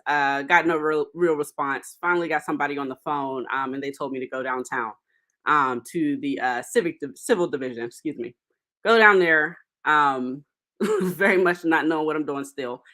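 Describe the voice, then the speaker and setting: A woman talks through her solo podcast in a loose, conversational way, full of fillers and little laughs. Her voice is bright and forward. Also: low-pitched. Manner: chatty, many fillers and laughs. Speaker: podcast host. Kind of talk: casual solo podcast talk.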